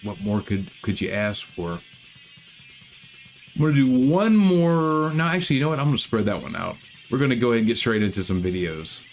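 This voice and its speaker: A man's voice: medium pitch, big pitch swings, a little fast, faint music behind. A man hosting a casual livestream, chatting loosely about metal bands with lots of swearing and restarts. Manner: profane, rambling, self-deprecating. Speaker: livestream host.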